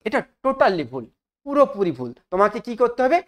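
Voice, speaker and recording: A woman teaching an English grammar lesson in style, asking her students questions and repeating each rule slowly for emphasis. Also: fairly high pitch, very animated.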